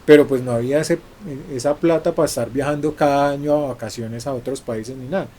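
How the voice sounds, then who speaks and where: A middle-aged Colombian journalist with a Colombian Spanish accent, telling stories in an interview, often restarting and repeating words. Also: male voice, medium pitch, fairly even intonation, fairly quick, warm tone, slight background noise. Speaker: journalist guest. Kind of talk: conversational storytelling interview.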